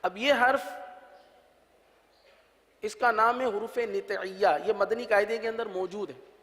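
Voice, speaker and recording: High-voiced Pakistani man teaching letter sounds. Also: fairly even intonation, a bit bright. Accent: Pakistani Urdu. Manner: patient, repeats sounds drawn out for students. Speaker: Quran reading teacher. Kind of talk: religious letter-pronunciation lesson. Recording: long reverb.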